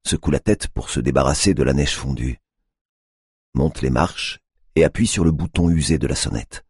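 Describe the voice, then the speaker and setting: A man narrates a novel in a steady, even reading voice. His voice sits extremely low and has a husky grain. The sound is dry and close, with no room around it. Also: dry recording. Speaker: audiobook narrator. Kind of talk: scripted narration.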